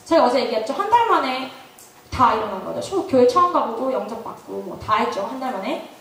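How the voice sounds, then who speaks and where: A woman giving a testimony sermon at a church retreat, telling an animated story and putting questions to the audience. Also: on the high side, fairly quick. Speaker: retreat speaker. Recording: echoey hall, distant mic.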